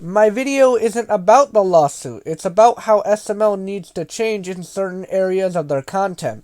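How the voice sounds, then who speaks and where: A man with a high-pitched voice delivers casual video commentary. He reads out viewer comments and rebuts them in a sarcastic, exasperated manner, talking straight to his audience. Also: darkish tone. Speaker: video creator reading and answering viewer comments.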